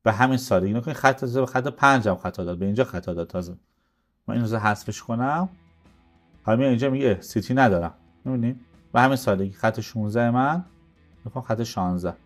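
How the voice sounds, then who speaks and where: A man teaching programming in a coding tutorial, explaining step by step and answering his own questions. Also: mid-range voice. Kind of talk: screen-recorded coding tutorial.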